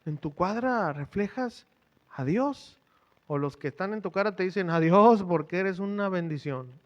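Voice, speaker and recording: Preacher, higher-pitched man. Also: expressive, moderate pace, lo-fi sound. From Mexico. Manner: conversational preaching, quizzes the congregation with rhetorical questions. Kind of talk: sermon. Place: church.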